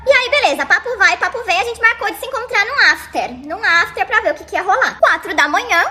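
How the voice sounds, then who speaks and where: A young woman with a very high voice tells her own story in a loose, slangy way. Her tone is bright and sharp, and she slips into the voices of the people she describes. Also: slight background noise. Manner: animated, slangy, acts out the other people in the story. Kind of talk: casual personal storytelling.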